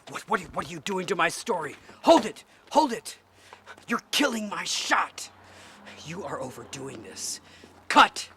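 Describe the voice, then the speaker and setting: Hot-headed film director, stutters then yells, bright edgy voice, pitch all over. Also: male voice, expressive, a little slow, a little hiss or hum. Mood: furious. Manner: stammering, explosive shouting. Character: volatile male indie film director.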